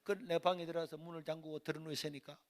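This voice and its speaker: A man preaching a revival sermon in a Gyeongsang dialect, telling a lively personal story and acting out family quarrels. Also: on the high side, racing. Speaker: pastor. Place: church sanctuary.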